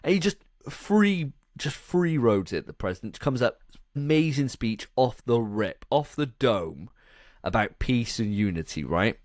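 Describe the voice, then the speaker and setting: A man's voice: on the low side, lively intonation, measured pace, darkish tone, no echo, clean studio sound. A man hosting a casual movie review chat, blunt, sarcastic and sweary. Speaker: podcast host.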